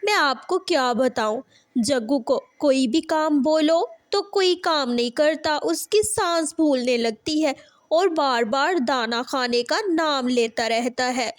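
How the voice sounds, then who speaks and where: A woman's voice: high-pitched, animated, slow pace, no echo, studio quality. A woman voicing a doting mother crow who spoils her son and scolds sharply in a cartoon.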